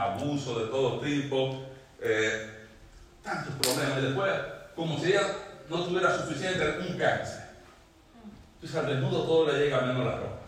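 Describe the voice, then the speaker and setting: A man's voice: mid-range voice, a little hiss or hum. A man preaching a sermon as pastor, fervent and repeating his words for weight. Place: church. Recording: echoey church from far off.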